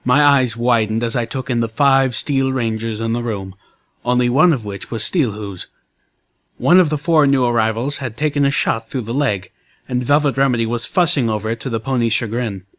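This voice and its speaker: A man's voice: mid-range voice, normal speed, fairly bright tone. Man narrating a fan fiction audiobook.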